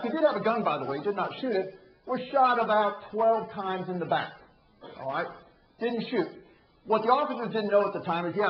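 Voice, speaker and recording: A man with a drawl tells a case story to a room of prosecutors, tossing out rhetorical questions as he goes. His voice sits fairly high. The sound is roomy and a bit dull. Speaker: ethics trainer. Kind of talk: training talk to prosecutors.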